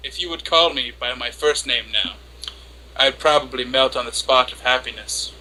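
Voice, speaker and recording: Casting: male reader for lovestruck young anime woman, obsessive and flustered; hammy, theatrical dramatic reading, piercingly bright delivery. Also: medium pitch, moderate pace, slight background noise, rough recording. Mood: dreamy, devoted. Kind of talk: dramatic reading of an internet post.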